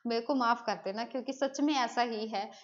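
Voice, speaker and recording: A woman teaches Hindi grammar in a live online class, chatting casually, answering her students' messages, and mixing in English words. Her voice is on the high side at a normal speed, and the audio sounds dull.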